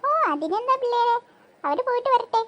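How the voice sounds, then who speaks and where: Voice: extremely high pitch, animated, a little fast, dull audio, background noise. A voice actor playing a strict, scolding cartoon mother of two girls. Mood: questioning. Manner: stern, nagging. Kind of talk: cartoon voice acting.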